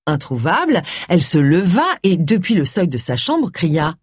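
A woman narrates a novel with expressive, scripted storytelling. Her voice is husky and her pitch moves widely. The sound is dry and close to the mic. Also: normal speed, no echo. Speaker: audiobook narrator.

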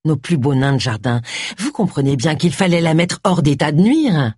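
Reader voicing smug genteel man, mocking, amiable, sinister, husky, dry. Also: fairly high pitch, expressive, moderate pace, darkish tone, no room sound.

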